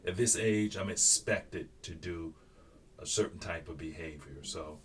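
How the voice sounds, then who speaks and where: A man's voice: deep voice, unhurried. A man hosting a casual live interview, easygoing and affirming. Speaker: host. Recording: distant mic with faint noise.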